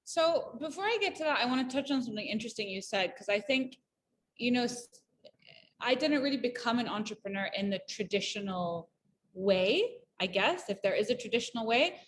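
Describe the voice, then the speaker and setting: A woman's voice: on the high side, animated, fairly quick, a little hiss or hum. A woman from Malawi in her thirties, a guest chatting in an interview in an upbeat, talkative way with many fillers and restarts. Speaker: entrepreneur guest. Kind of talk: casual conversational interview.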